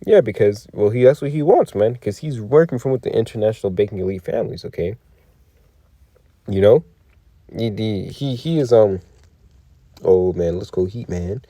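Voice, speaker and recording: A man with a low, mellow voice gives a loose, tired commentary on scripture. He swears freely, drops "okay" and "man" into every phrase, and keeps asking rhetorical questions. The sound is dry and close. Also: expressive, normal speed, long pauses, no echo. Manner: profane, peppered with "okay" and "man". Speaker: religious commentator. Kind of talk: casual scripture and news commentary.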